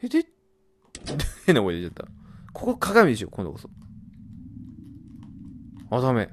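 A man doing horror game commentary, muttering and reading game text aloud, then bursting into loud startled yelps. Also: medium pitch, huge pitch swings, moderate pace, a little hiss or hum. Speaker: let's play gamer.

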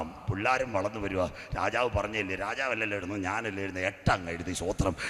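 Pentecostal preacher man in a reverberant hall. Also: on the low side. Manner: storytelling with comic asides, often calling "praise the Lord"; rising into loud fervent preaching. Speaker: pastor. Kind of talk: sermon.

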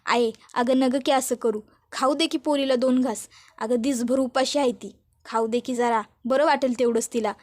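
A woman voicing a gentle elder sister who pleads for her hungry sibling in rural dialect. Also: sits high, fairly even intonation, moderate pace, close to an everyday voice. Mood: pleading.

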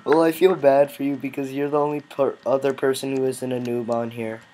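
A man's voice: medium pitch, little pitch movement, brisk, mellow, slight background noise. A male gaming host giving casual commentary on a game with friends, teasing and bossy, often breaking into laughs.

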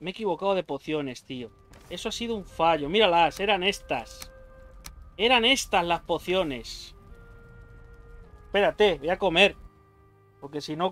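A man shouts and mutters through a hectic boss fight, his voice high and leaping all over the place. Faint game music plays underneath his commentary. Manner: frantic, swearing, yelps and self-talk while fighting a boss. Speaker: gaming youtuber. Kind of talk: excited gameplay commentary.

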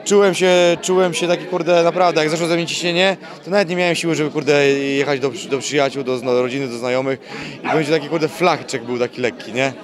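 Fast-talking blunt young fighter. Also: male voice, on the high side, steady tone. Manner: blunt, swearing, repeats himself. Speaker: fighter being interviewed. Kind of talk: casual post-weigh-in interview. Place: busy event press wall, indoors. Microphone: handheld mic held by interviewer. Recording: loud crowd chatter behind.

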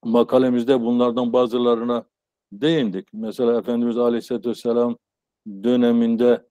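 Man in his sixties, mellow dark voice, dry close sound, informal lecture, halting explanations. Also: medium pitch, flat delivery, no echo, muffled recording. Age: 60s. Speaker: professor giving an online lecture. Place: indoors, on a video call. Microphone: earphone headset on a video call.

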